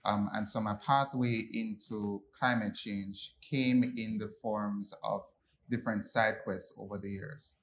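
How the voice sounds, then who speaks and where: A young man from Jamaica speaking on a panel, relaxed, with many ums and restarts. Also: on the low side, unhurried, slight background noise. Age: young adult. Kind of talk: panel discussion.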